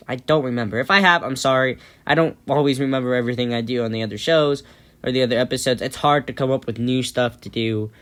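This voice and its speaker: A man's voice: mid-range voice, a bit bright. A young man hosting a casual vlog, rambling and chatty, laughing now and then. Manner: rambling and chatty, often laughing, many fillers. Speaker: vlog host. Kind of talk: casual storytime chat.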